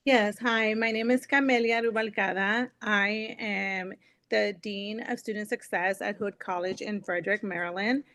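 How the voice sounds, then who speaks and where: A woman's voice: medium pitch, steady tone, normal speed, fairly bright tone, dry recording. A woman from Texas, a college dean, introducing herself on a webinar panel in an earnest way with frequent fillers. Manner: earnest, filler-laden personal account. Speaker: dean of student success, panelist.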